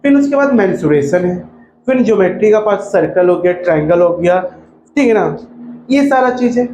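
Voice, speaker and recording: A male coaching teacher, talking to a class in a joking, lively way and mimicking students. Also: sits high, normal speed. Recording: echoey classroom with faint noise.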